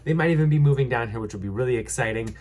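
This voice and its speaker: A young realtor with a stuffy nose from a cold gives a casual vlog market update, rambling with lots of ums and restarts but staying upbeat and reassuring. His voice is medium-pitched and darkish, and he speaks at a racing pace.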